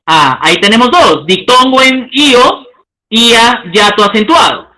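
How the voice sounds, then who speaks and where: A man teaching a lesson, stretching out example words slowly and checking in with the class. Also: extremely high pitch, animated, pushed and bright, low-quality recording. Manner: slow, drawn-out spelling of example words; checks in with listeners, asking okay.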